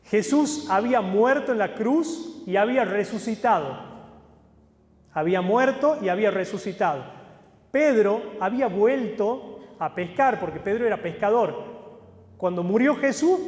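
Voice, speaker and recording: A man's voice: sits high, measured pace. A man preaching a sermon in a church hall, explaining a passage step by step and putting questions to the congregation. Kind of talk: sermon with Bible reading. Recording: echoey hall with faint music.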